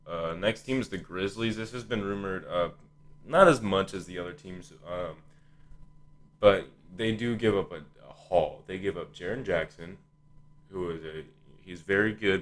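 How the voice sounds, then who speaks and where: A man's voice: low voice, normal speed. A man hosting a casual sports discussion, thinking aloud in a hesitant, conversational way. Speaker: podcast host.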